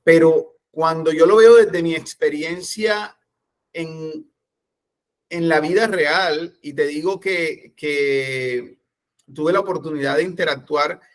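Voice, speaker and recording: A man who mentors English teachers talks in a casual, animated way. His voice sits a little high, and he often restarts his sentences as he tells stories. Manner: animated storytelling with many restarts. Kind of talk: casual talk.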